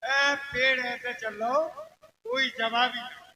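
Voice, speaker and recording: A man's voice: extremely high pitch, fairly even intonation, unhurried, pushed and bright, slight background noise, heavily acted, low-quality recording. A man with a playing a simple village farmer, wailing and complaining in a comic, exaggerated way in a folk stage play. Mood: whiny.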